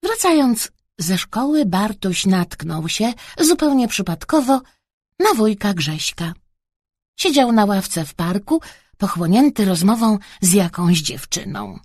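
A woman narrating a children's audiobook story in an expressive, measured way. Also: mid-range voice, no room sound, clean studio sound.

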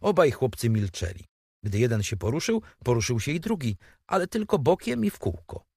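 A man narrates a storybook with lively, expressive intonation. His voice has a slightly husky texture, and the recording is dry and close with no room sound. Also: medium pitch, a little fast, no room sound. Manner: expressive, animated reading. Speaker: audiobook narrator.

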